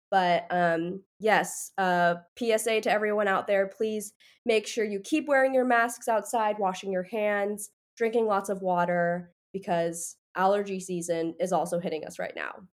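A woman hosts a casual podcast interview, chatty and upbeat. Her voice sounds stuffy and nasal from allergies, and she fills her sentences with little ums and uhs. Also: on the low side. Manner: upbeat, chatty, frequent fillers. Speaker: podcast host.

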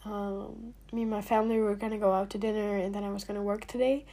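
Speaking fast and flatly at a medium pitch, this young woman in her late teens chats with her viewers while getting over being sick. Her voice is husky and a bit hoarse, she keeps clearing her throat, and her casual talk is packed with fillers and quiet, almost whispered endings.

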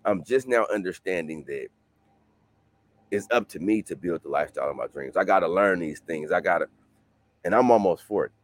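A man in his late thirties, a guest author talking casually in an interview, loose and repetitive, jumping into excited bursts. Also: deep voice, brisk, no echo. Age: 30s. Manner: loose, repetitive, rising to excited bursts when quoting himself.

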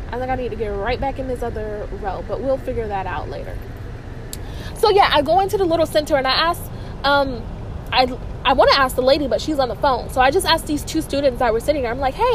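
Young female student vlogger, high voice, loose conversational delivery that circles back on phrases, noisy car recording. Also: expressive, brisk. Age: young adult. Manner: repeats phrases for emphasis. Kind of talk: casual rambling vlog monologue.

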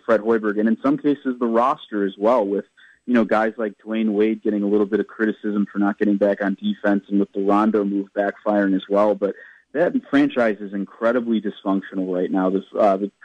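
A man's voice: on the low side, a little mellow, dry recording. A man giving sports commentary as a guest analyst on live radio. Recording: dull, band-limited radio call-in sound.

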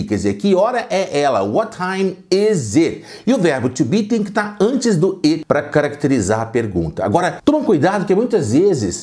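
A man hosting a podcast language lesson, chatty and patient, repeating examples slowly. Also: fairly high pitch, darkish tone. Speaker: English teacher and podcast host.

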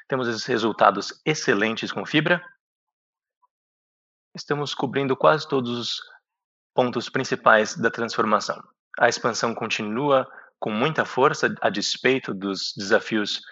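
Lowish Brazilian male interpreter, halting phrasing. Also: sharp tone. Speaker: simultaneous interpreter for an executive. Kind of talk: business presentation, live interpreting. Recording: dull, echoey conference call audio.

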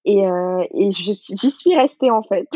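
A woman's voice: mid-range voice, animated, a little slow, warm tone, no echo, muffled recording. A woman in her thirties from Senegal, a podcast guest speaking hesitantly with many fillers and frequent laughs. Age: 30s. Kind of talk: casual interview chat.

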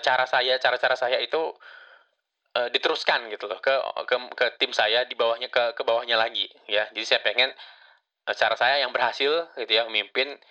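A man's voice: mid-range voice, sharp tone. A middle-aged man hosting a casual solo podcast, talking conversationally with lots of tag words and fillers. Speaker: podcast host. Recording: slightly distant, dull lo-fi mic.

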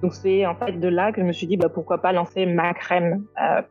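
Woman, 30s, from France, podcast guest, hesitant, lowish voice, muffled sound. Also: flat delivery, fairly quick, faint music behind. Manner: hesitant, many fillers. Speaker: guest, skincare founder. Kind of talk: podcast interview.

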